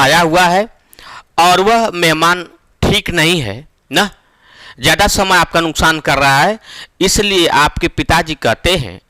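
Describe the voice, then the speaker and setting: A man teaching Hindi grammar as a classroom lecture, who repeats each phrase slowly for emphasis and asks the class questions. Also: a little high, sharp tone, dry recording.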